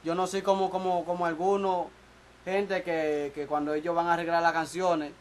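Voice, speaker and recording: A man's voice: a little high, flat delivery, normal speed, a little hiss or hum, rough recording. A man who is a music producer, chatting casually and jokingly in a small recording studio, picked up by a camera mic. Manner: boastful, joking, slangy.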